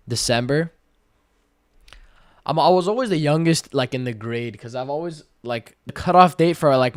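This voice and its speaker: A twenty-year-old man livestreaming, reading viewer questions aloud and answering in relaxed, slangy chat full of fillers. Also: medium pitch, clean tone, no echo. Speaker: day-trading livestreamer.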